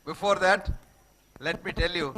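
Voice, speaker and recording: A man with a Telugu Indian accent gives a motivational talk to schoolchildren as a guest speaker. His voice sits high and a little slow with a sharp tone, and the poor audio carries a faint hiss or hum. He speaks emphatically, repeating short maxims and checking that the children follow.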